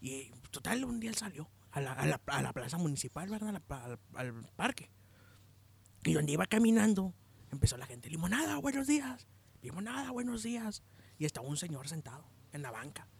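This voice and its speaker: Guy telling jokes, high gravelly husky voice, loud punchlines, faint music behind. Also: fairly quick. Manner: animated, shouting punchlines, laughing at his own jokes. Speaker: joke teller. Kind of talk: casual joke telling.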